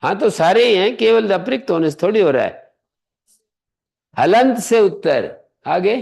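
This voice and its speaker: A man with a heavily gravelly, fry-laden voice that sits a little high for a man. He teaches a grammar class and works through the rules patiently, step by step. He keeps quizzing his students and urges them to speak up. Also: animated, measured pace, darkish tone. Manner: quizzes students, presses them to answer aloud. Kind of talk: classroom lesson.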